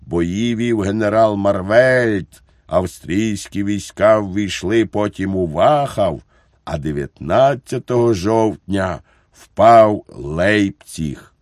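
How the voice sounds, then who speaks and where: A man narrating an audiobook in a measured, deliberate reading style. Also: on the low side, darkish tone, no echo, clean studio sound.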